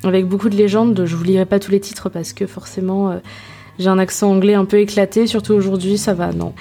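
A woman hosts a casual solo podcast review over background music, her voice mellow, relaxed and medium-pitched, and her pace a little fast. She talks in an informal, slangy way, hesitating as she hunts for words and tossing in self-deprecating asides.

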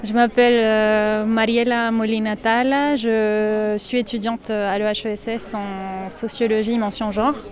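A woman in her twenties from Chile, a graduate sociology student, speaking, earnest and pausing often in a street interview. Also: a little high, level tone. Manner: earnest, many pauses with fillers.

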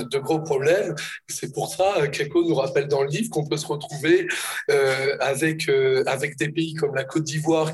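A man with a hoarse, broken, gravelly voice introducing a public conference in a halting, hesitant way. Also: a little high. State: hoarse, voice cracking. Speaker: institute director introducing speakers.

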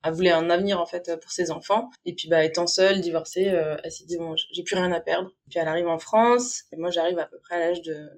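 A woman's voice: on the low side, fairly even intonation, quick pace, hardly any pauses. Thoughtful, hesitant woman podcast guest. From Syria. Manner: reflective, with frequent hesitations and fillers. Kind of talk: conversational interview.

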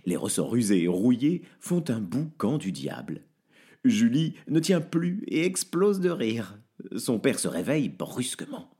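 Narrateur au ton très animé. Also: male voice, medium pitch, unhurried, breathy edge. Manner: lively, expressive. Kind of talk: audiobook narration.

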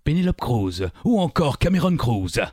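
Male quiz co-host, teasing and playful, very animated delivery, dry close mic. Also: on the high side, normal speed, dry recording. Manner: teasing, playful, reads questions aloud. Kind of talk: casual joking chat.

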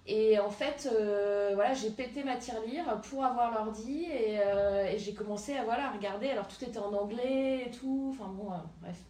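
A woman in her thirties from southern France chats casually about her career as a guest entrepreneur in an interview, using lots of hesitant fillers. Her voice is fairly high and warm, and she talks at a moderate pace with hardly any pauses. The recording is roomy, with a distant mic and faint ambience.

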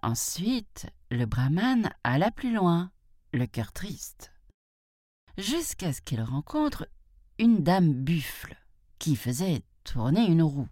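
A woman reading a children's story aloud in an expressive storytelling manner, close to the mic. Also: low voice, slow pace, no room sound.

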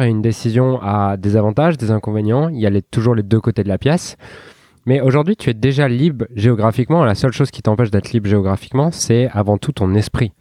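A man's voice: mid-range voice, dark tone, no room sound, studio quality. A young man hosting a podcast, talking informally and directly to the listener, with loose restarts and fillers. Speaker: podcast host. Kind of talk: casual spoken podcast monologue.

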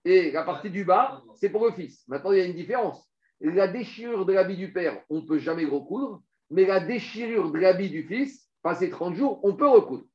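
A man teaching a Talmud lesson, explaining rapidly and animatedly while reading out Hebrew and Aramaic passages. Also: high voice, lively intonation. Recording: dull lo-fi recording.

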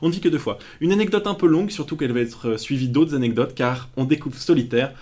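A man's voice: mid-range voice, fast, a little mellow. A man co-hosting a casual film podcast, telling anecdotes with a joking manner and many fillers. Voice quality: storytelling manner with frequent fillers and jokes. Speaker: podcast co-host.

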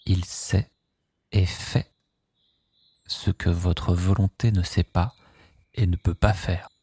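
A man guiding a sleep hypnosis session, speaking in a slow, soothing, hushed way. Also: low-pitched, fairly even intonation, husky, dry recording.

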